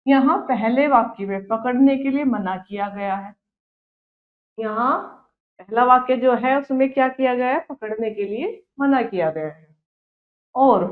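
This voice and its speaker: Woman teacher, fairly high voice, poses questions and answers them herself, echoey phone-quality sound. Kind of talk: classroom grammar lesson. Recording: echoey tinny phone-like recording.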